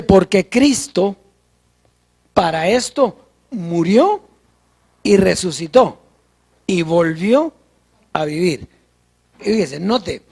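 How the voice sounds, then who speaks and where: A preacher teaching a sermon in a slow, deliberate way and posing rhetorical questions to the congregation. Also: medium pitch, creaky, darkish tone, husky.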